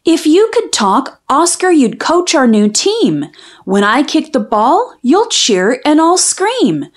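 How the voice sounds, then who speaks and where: A woman with a high voice reads a children's picture book aloud, taking her time. Her storytelling is expressive and sing-song, and she draws out the rhyming lines.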